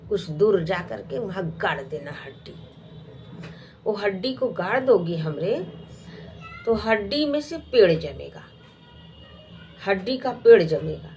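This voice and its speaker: A woman voicing a kind, motherly female goat spirit, speaking in a slow, soothing, reassuring way. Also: medium pitch, darkish tone, slight background noise, lightly acted.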